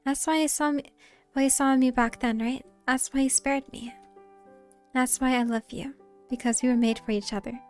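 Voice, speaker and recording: A woman's voice: high-pitched, fairly even intonation, normal speed, soft background music, lightly acted. A woman voicing an obsessive young woman in a story game, breathless, clingy and pleading, at times sinking to a whisper. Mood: tearful adoring. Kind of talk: dramatic reading of a story game.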